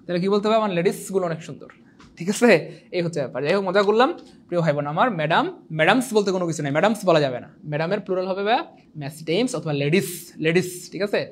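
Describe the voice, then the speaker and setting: Fast, high-voiced man teaching. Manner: animated, repetitive, teasing, asks the viewers questions. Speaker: exam prep teacher. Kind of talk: online lecture.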